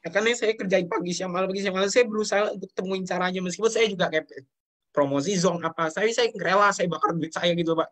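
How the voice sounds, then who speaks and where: A man's voice: high voice, quick pace, a bit bright. A young man from Indonesia, speaking earnestly as an interview guest and often addressing the host respectfully. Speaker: guest sharing his business story. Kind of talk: emotional interview talk.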